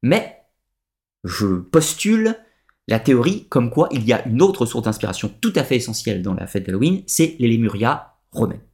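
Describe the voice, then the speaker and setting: A man's voice: medium pitch, big pitch swings, normal speed, darkish tone. A man presenting a structured lecture, explaining step by step with frequent hesitations.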